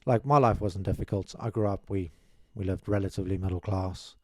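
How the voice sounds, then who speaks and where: This young South African podcast guest has a deep, warm voice with fairly even intonation and a slightly fast pace. He rambles modestly about his life in a casual interview, frequently starting his sentences over. He's recorded with no echo in a small studio room with curtains, using a boom-arm desk mic and wearing headphones.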